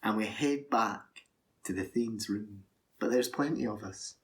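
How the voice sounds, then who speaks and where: A man telling a first-person fairy tale in a lively, animated way, full of wonder. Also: fairly low pitch, unhurried. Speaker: storyteller.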